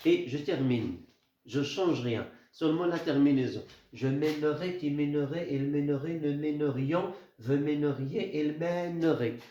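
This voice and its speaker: A man teaching a grammar lesson, speaking slowly, repeating words and spelling out letters. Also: on the high side, mellow, a little hiss or hum. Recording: echoey room, dull lo-fi sound.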